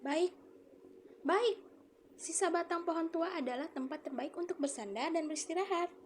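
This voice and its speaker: A woman's voice: extremely high pitch, moderate pace, slight background noise, voice pushed up. A woman reading aloud and voicing a kind, generous apple tree in an inviting, lifted voice. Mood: gentle. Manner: bright, inviting, cheerfully calling out.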